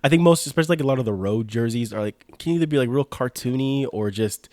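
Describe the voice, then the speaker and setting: A young man co-hosting a sports podcast in an easygoing chat, full of filler words and quick restarts. His voice sits at a middling pitch, recorded close and dry with no room sound. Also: animated, a little mellow, dry recording. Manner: enthusiastic, lots of "like" fillers and restarts. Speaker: podcast co-host.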